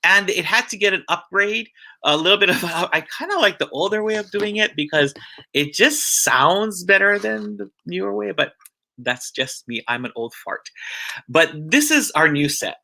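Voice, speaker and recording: A male church minister giving an informal religious mini-lesson, earnest and heartfelt, often halting and restarting his sentences. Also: high-pitched, animated, vocal fry, pushed and bright.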